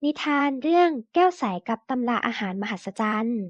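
A woman reading a children's story aloud slowly and clearly, then reading a list of vocabulary words. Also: a little high, expressive, dry recording, muffled recording.

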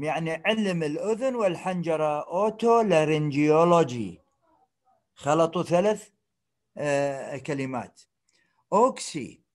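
A man's voice: a little high, darkish tone. A man with an Iraqi Arabic accent lecturing on medical terminology, repeating each term, dropping English terms into his explanation and checking that the class follows.

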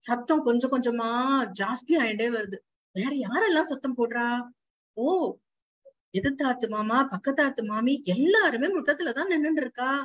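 A worried male dog recounts the family's turmoil in a high, fretful voice, as a woman storyteller puts him on. He keeps crying out in alarm, speaking in the homely speech of a traditional household. The recording is slightly dull and lo-fi. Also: expressive, normal speed, no echo. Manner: fretful exclamations, Brahmin Tamil household speech. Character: male household dog narrating, anxious and watchful.

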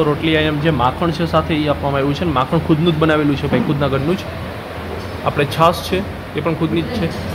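A man's voice: fairly high pitch, noisy background. A man in his thirties doing a casual food vlog from a roadside restaurant dining hall, chatty and listing dishes as he tastes them. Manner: chatty, calls viewers brother, lists dishes. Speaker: food vlogger.

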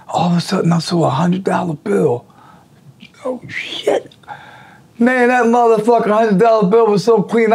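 A man in his sixties tells rough, profane stories in a relaxed interview. His voice sits a little high for a man. He acts out the people he quotes with lively swings in pitch. He was recorded seated in a small indoor studio. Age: 60s. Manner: animated, profane storyteller who acts out quotes. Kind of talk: casual storytelling interview. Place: indoor studio in front of a draped backdrop.

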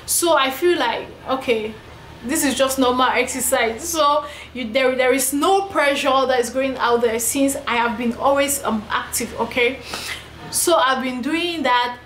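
A woman's voice: high voice, unhurried, fairly bright tone, a little hiss or hum. A young pregnant woman vlogging to camera, venting in an emphatic, repetitive way. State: heavily pregnant. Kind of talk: personal vlog, talking to camera. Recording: echoey room with faint ambience.

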